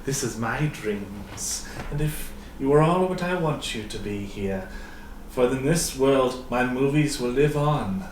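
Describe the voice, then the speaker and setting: A man voicing a gloating old hag of a witch with a slow, drawn-out, menacing delivery in a tabletop game. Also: medium pitch, expressive, close to an everyday voice. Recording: roomy, distant mic, faint noise.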